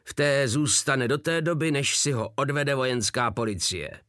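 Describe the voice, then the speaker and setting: A man's voice: mid-range voice, a bit bright, no echo, clean studio sound, natural voice. A man voicing a pompous Prussian army captain who shrieks orders and loses his temper. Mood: seething. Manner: shrieking, losing control.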